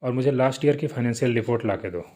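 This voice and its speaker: A man voicing a sharp-tongued young woman boss who scolds and snaps. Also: medium pitch, fast, natural voice. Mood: irritated. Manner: scolding, curt.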